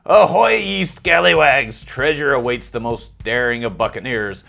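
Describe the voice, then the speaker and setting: A hammy, swaggering pirate, voiced by a man who bellows in drawn-out, booming tones. The voice sits far above the man's usual low register. Each line stretches out slowly and loudly. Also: gravelly.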